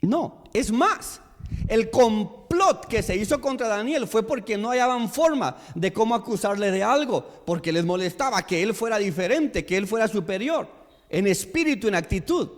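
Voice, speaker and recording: A man preaching a sermon as pastor in a church, slow and emphatic, repeating his questions to the congregation. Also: sits high, lively intonation. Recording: long church hall reverb.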